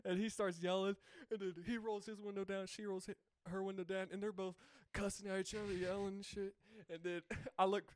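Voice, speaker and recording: A man's voice: high-pitched, little pitch movement, fairly quick, hardly any pauses, a little mellow, slight background noise. A young man co-hosting a casual podcast, telling stories and laughing often. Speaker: podcast co-host.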